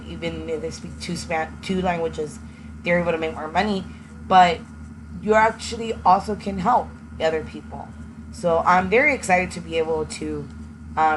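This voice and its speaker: Giving personal testimony, a Texas-raised young woman whose first language is Spanish sincerely recounts her path as an education student and frequently stops with ums. She has a low-pitched voice, and traffic noise from passing vehicles fills the recording.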